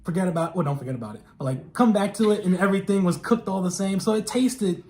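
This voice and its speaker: A man's voice: high voice, fast talker, a little mellow. A man chats casually as co-host of a show. His talk is informal and affirming, peppered with slangy interjections. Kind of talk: casual chat.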